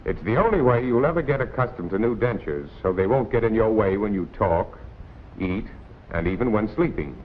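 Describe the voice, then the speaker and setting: Narrating a 1940s instructional film, an American man speaks colloquially and plainly with an admonishing edge, his lowish voice expressive and a little fast. The audio comes from a tinny, noisy period soundtrack.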